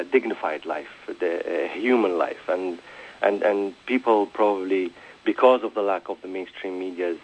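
A man's voice: lowish voice, rough recording. A man from Palestine, an event organiser guesting on a radio interview, speaking earnestly and with passion, often restarting his phrases.

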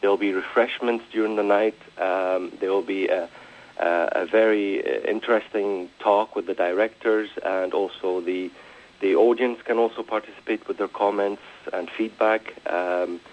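A man's voice: on the low side, fairly even intonation, normal speed, poor audio. A man from Palestine, an event organiser guesting on a radio interview, speaking earnestly and with passion, often restarting his phrases.

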